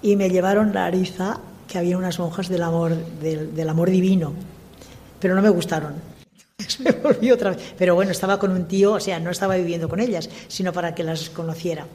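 An older woman, a religious sister, talking as an interview guest and recounting her life in a lively way with voiced-out dialogue. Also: on the low side, fairly quick. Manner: lively, animated retelling of her own past with quoted dialogue. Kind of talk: storytelling in a radio interview.

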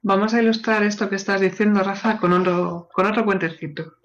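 A woman's voice: medium pitch, fairly even intonation, brisk, lo-fi sound. A woman co-hosting a radio show on psychology, talking fluently and reading stories aloud. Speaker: radio co-host.

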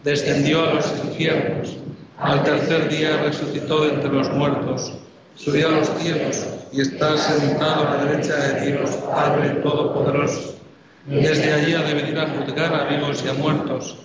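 Priest with cathedral echo. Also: male voice, fairly high pitch, flat delivery, over a noisy crowd. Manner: solemn, measured delivery. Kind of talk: sermon and Mass prayers. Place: large church. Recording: echoey church, dull sound.

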